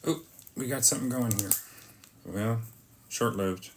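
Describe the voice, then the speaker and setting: A live stream host chatting casually while showing off items, halting and often breaking off to greet viewers, with some noise and clicking. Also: mid-range voice, a little mellow. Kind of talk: casual live stream chat while unboxing oracle cards.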